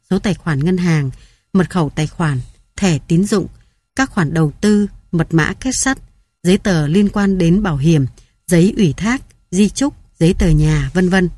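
A woman reading an audiobook in a calm, measured narration. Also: lowish voice, no room sound.

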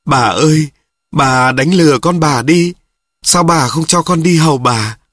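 A man reading the lines of a grieving young woman, pleading in a raised, wailing voice that stays husky. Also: on the high side, a little slow, a bit bright, no echo, studio quality, pitched above the performer's own voice.

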